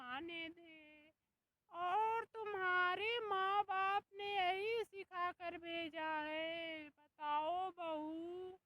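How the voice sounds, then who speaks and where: A performer voicing a scolding, nagging older mother-in-law with a Bhojpuri-tinged accent in a comic skit, wailing and drawn-out. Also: extremely high pitch, sharp tone, dry recording, heavily acted. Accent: Bhojpuri-tinged Hindi.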